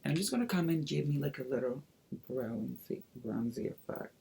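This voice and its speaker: Animated and creaky, with a dark tone, a man's mid-range voice moves at a moderate pace. He's a makeup vlogger and drag performer chatting casually through a get-ready-with-me makeup tutorial as a sassy drag queen, heavy on campy slang and exclamations.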